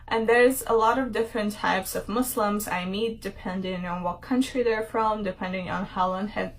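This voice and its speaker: A young woman from Ukraine talking casually to her channel in a rambling vlog, with frequent fillers and laughter. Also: medium pitch. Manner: chatty, rambling, laughs often, many fillers. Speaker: vlogger.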